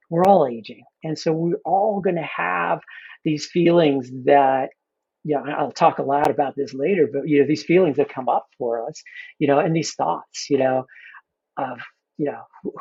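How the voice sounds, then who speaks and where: Here the fifty-something coach, a guest in a casual interview, wanders through his answers with restarts and frequent "you know"s. The voice is a little high, creaky and husky with a darkish tone, and the audio is dull.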